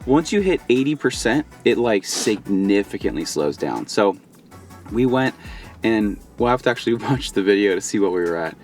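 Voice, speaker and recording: A man's voice: fairly low pitch, normal speed, soft background music. Easygoing Southern man in a car. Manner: relaxed, chatty, thinks aloud. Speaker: vlogger driving an electric car. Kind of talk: casual road trip vlog chat. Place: inside a car.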